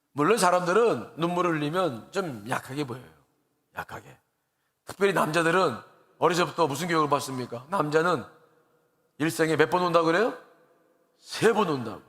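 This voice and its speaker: A male pastor preaches in a sanctuary whose long reverb trails after every phrase. His voice sits a little high for a man, and his talk is earnest and conversational. Gentle self-mocking laughs come through as he tells stories. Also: a little fast, pauses often. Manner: earnest and conversational, with rising emotional emphasis; laughs at himself while telling stories. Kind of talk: sermon. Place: church sanctuary.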